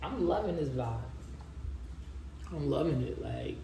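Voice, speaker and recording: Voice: mid-range voice, lively intonation, a little slow, mellow. A video host chatting casually and informally to viewers, with lots of slang and direct address. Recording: roomy echo with faint background noise.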